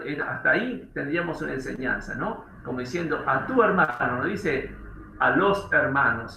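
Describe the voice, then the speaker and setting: A man with an Argentine accent preaches, reading scripture and breaking it down with questions to the congregation. His voice is somewhat high, bright and edged with gravel. The echo of a church hall rings around him. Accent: Argentine Spanish. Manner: reads scripture aloud and explains it, asks the congregation questions. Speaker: pastor.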